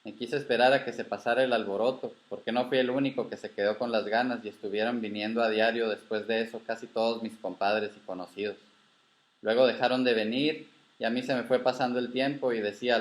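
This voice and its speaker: A man's voice: mid-range voice, natural voice. A man reading a story and voicing a stubborn, affectionate old grandfather rancher who talks in a folksy, insistent way.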